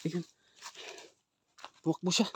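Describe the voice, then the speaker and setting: A man speaks slowly while recording a ghost-hunt vlog in the woods, alternating hushed asides to his audience with loud, urgent calls. The live walkthrough has a slight hiss or hum in the background.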